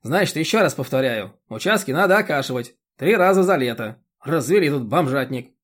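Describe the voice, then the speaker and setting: A man reading an audiobook, voicing a short, stout, rude elderly village chairwoman who scolds and yells. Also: lively intonation, fairly quick, natural voice. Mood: hostile. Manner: shrill scolding, yelling.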